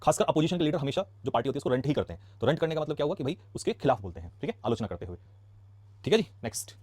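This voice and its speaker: Rapid-fire Indian man teaching vocabulary. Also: medium pitch, very animated, darkish tone, no room sound. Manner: rapid, chatty, asks quick questions then answers them. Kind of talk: casual classroom lesson explaining words.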